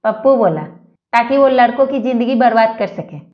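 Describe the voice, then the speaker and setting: Woman joke narrator, high and lively, unhurried delivery, echoey room. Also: muffled recording. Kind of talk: read-aloud jokes.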